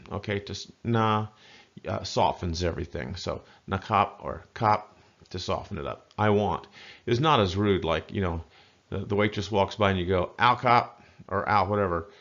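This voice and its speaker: A man giving a casual spoken language lesson, chatty and folksy, slowly repeating words to model pronunciation. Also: sits low, fairly bright tone, highs cut off. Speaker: language teacher.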